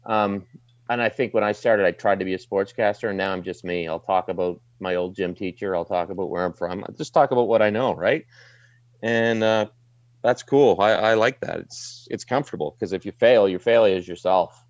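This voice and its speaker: A middle-aged man with a fairly low voice and a light Maritime Canadian twang talks casually, like a broadcaster off duty. He is plain-spoken and slangy, in a dry, slightly dull recording. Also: a little fast, dry recording. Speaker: sports broadcaster, desk anchor. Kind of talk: casual interview chat.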